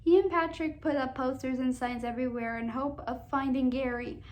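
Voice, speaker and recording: Hosting a cartoon countdown video, a woman with a notably high, steady, darkish voice offers casual commentary. She shifts between chatty asides and summaries read aloud, stumbling often and repeating words as she goes.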